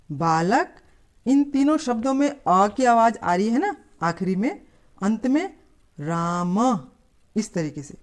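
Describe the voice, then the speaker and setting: A woman teaching a lesson to schoolchildren, explaining slowly and patiently. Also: medium pitch. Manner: slow, patient, addressing children. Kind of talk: scripted lesson.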